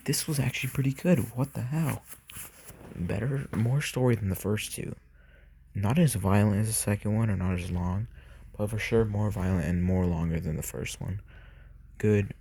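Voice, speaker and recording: Low, husky young guy rambling. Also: mellow, no echo. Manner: rambling, profane, filler-heavy. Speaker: movie reviewer. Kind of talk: casual video review.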